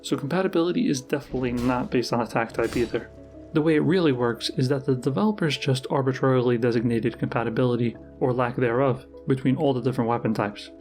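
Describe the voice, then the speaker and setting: A man's mid-pitched voice delivers scripted narration in the manner of a top-list countdown about video games. He explains each point in a measured way, with music playing behind him. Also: a little mellow. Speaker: video game YouTuber, narrator. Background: background music.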